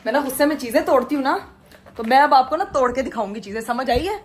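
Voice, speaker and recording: High, fast, bossy young woman. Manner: bossy, scolding, argumentative. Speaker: vlogger, wife. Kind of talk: staged couple prank vlog.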